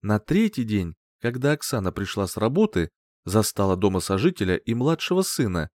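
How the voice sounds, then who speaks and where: A man reading a dark crime story aloud with a strongly dramatic, storytelling delivery. His pitch swings widely through each sentence. The recording is close and dry. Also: very animated, brisk, dry recording. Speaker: narrator. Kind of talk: scripted audiobook narration.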